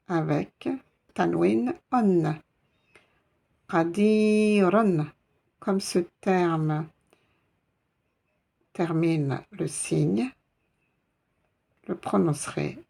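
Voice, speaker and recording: A woman's voice: on the low side, vocal fry, darkish tone, slightly rough. A woman teaching an Arabic reading lesson step by step, patiently spelling out letters and repeating sounds.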